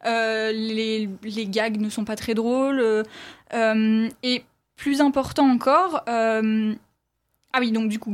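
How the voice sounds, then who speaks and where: Woman, film review chat, hesitant, lots of fillers, slightly high voice. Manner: hesitant, many fillers and restarts.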